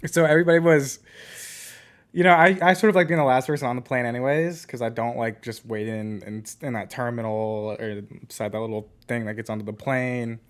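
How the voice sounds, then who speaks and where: A man's voice: mid-range voice, steady tone, fairly quick. A man co-hosting a podcast, casually telling a rambling story full of filler words. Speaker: podcast co-host.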